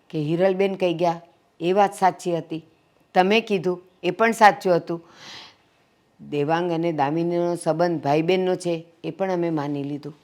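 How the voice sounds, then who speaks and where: A woman's voice: medium pitch, close to an everyday voice. A woman playing an older mother who heads the family, making peace and lecturing earnestly. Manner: earnest, scolding when roused. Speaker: family matriarch. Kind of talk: family drama acting.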